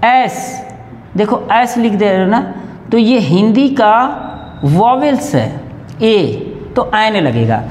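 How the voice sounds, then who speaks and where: Slow, echoey, high-voiced male teacher. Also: sing-song, a little mellow, a little hiss or hum. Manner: drawn-out repetition of example words; corrects himself mid-explanation. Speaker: English grammar teacher. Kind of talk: classroom grammar lesson. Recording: echoey room with long reverb.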